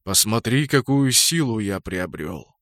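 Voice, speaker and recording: A man playing a soft-spoken ghostly old master. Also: animated, no echo, studio quality. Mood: gentle. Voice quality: soft, slow, low-pitched. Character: ghostly old male hunter master, gentle, hollow.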